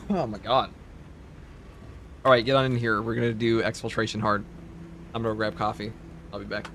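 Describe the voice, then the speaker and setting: A man's voice: on the low side, moderate pace, pauses often, a little hiss or hum. Laid-back man streaming a game. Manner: relaxed, rambling, many "like" fillers. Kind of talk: casual livestream commentary answering chat. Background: game music and sound effects.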